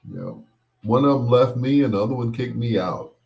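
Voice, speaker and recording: A middle-aged man hosting a casual show, chatting and reminiscing in a rambling way, often pausing and repeating himself as he replies to listeners. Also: medium pitch, expressive, creaky, a little mellow. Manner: unhurried, rambling, with pauses and repeats. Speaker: host of a bedtime stories show. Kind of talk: casual chat, reminiscing and replying to listener comments.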